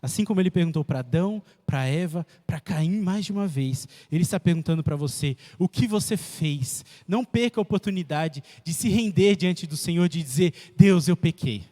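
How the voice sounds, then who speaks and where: A man preaching a church sermon, emphatic and repetitive, with sharp swings in pitch. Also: brisk, hardly any pauses. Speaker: pastor. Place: church sanctuary. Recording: echoey church hall.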